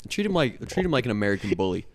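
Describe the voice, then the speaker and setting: A man's voice: fairly low pitch, big pitch swings, very fast, slight background noise. A man co-hosting a podcast, joking and riffing on his friend's story in casual banter. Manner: joking, riffs on the other host's story. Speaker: podcast co-host.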